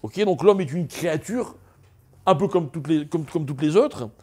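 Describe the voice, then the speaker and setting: A middle-aged rabbi gives a Torah lesson in an animated way, his fairly high voice leaping up and down. He keeps asking his listeners questions and weaves Hebrew words into his explanations. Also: moderate pace, slightly rough. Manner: animated, asks the audience questions, spells out Hebrew letters; mixes Hebrew terms into French. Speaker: rabbi teaching a Torah class. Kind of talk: lively Torah lesson to a live audience.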